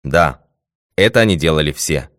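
A man's voice: rumbling low, lively intonation, normal speed, a bit bright, no room sound, studio quality. A man reading the lines of an earnest, worried male army colonel in a storybook tale.

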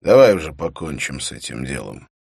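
A weary, hardened detective, as a deep-voiced male reader plays him, speaking grimly and tersely. His tone is low and close to the reader's own voice. The sound is dry. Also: big pitch swings, fairly quick, gravelly, a little mellow, husky, no room sound, full character voice.

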